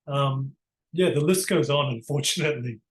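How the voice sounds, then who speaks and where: In a conversational interview, a New Zealand-accented man who works as a barrister gives earnest, explanatory answers, restarting often. He speaks at a moderate pace in a mid-range voice. The sound is roomy and the recording low-quality.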